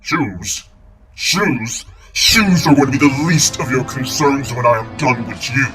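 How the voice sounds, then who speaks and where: Guy doing a slow disguised deep voice, big gloating space villain, music playing behind. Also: lightly acted, low-quality recording. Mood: menacing. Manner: grandiose, gloating, prone to evil laughs. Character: pompous galactic male villain in a deep put-on voice. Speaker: teacher playing a villain in a skit.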